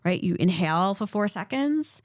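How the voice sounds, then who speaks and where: A woman's voice: medium pitch, normal speed, no room sound, clean studio sound. A woman clinician co-hosting a podcast, explaining points in a conversational way and often checking in with "right?". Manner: animated, repeats points with "right?".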